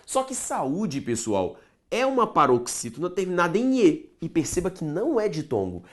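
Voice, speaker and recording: Male Brazilian teacher, very animated intonation, direct to camera, stretches key words slowly. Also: high voice. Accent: Brazilian Portuguese. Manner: addresses viewers directly, checks understanding often. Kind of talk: online grammar lesson.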